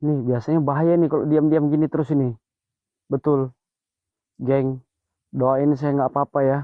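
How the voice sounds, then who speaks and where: A man's voice: mid-range voice, little pitch movement, normal speed, no room sound. A young man on a night ghost-hunting vlog outdoors among trees, murmuring tense exclamations and prayers. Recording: dull lo-fi audio.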